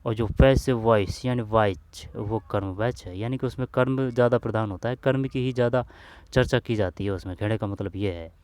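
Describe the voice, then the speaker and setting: A man's voice: on the low side, brisk, a little mellow, no echo. A man coaching viewers through old exam grammar questions in a casual lesson. He thinks aloud, repeats phrases to himself, and often checks whether the listener has understood. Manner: addresses viewers as bhai, asks if they understood.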